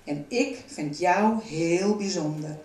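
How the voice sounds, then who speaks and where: A woman's voice: on the low side, takes it slowly, a little mellow. A woman voicing a kindly, fatherly old male woodcarver in a storybook reading, speaking strongly and with emphasis. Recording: roomy, from a distance.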